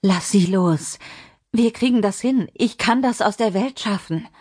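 A woman's voice: fairly low pitch, flat delivery, takes it slowly, warm tone, slightly rough, dry recording, clean studio sound. A woman voicing a middle-aged mother who speaks carefully and placatingly. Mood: pleading.

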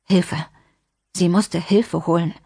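A woman reading an audiobook in a measured, steady way. Her voice sits on the low side, and she keeps the narration even and scripted.

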